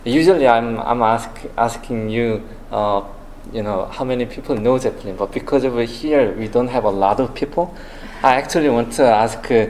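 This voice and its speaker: A man's voice: mid-range voice, moderate pace, darkish tone, slight background noise, rough recording. A man opening a conference talk, hesitant, with many fillers. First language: Korean. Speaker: conference speaker. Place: conference room.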